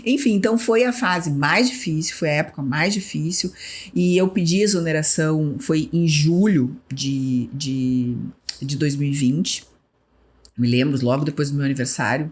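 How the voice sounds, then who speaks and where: A woman, a former health official, telling animated stories in a podcast interview and acting out remembered conversations. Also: sits low, moderate pace, breathy edge. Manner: animated storyteller who acts out remembered dialogue. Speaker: guest, former municipal health secretary.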